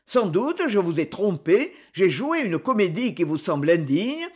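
A woman voicing a smooth-talking, deceitful married man in a read-aloud novel, with low, insistent, persuasive speech. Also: sing-song, a little slow, full character voice. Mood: pleading. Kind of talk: audiobook character voice.

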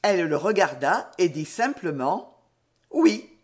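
A woman narrating a story in a measured, expressive audiobook style. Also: medium pitch, slightly rough.

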